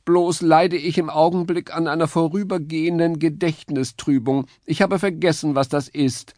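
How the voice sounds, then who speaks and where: A man's voice: a little high, fairly even intonation, moderate pace, darkish tone, no room sound, clean studio sound, voice pushed up, close to an everyday voice. A man voicing a fussy, forgetful male woodpecker in a children's audiobook, talking pompously. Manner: pompous, chattering.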